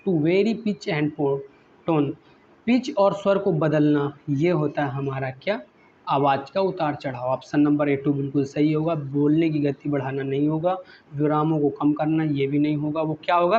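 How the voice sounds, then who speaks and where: A male teacher working through exam questions, reading each English question slowly, then explaining it in Hindi and asking his own prompts again and again. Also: fairly high pitch, a little mellow, dull audio, a little hiss or hum.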